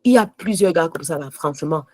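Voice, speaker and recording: Woman, devotional teacher, passionate, mixes French and English, husky, lowish voice. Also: animated, brisk, darkish tone, dry recording.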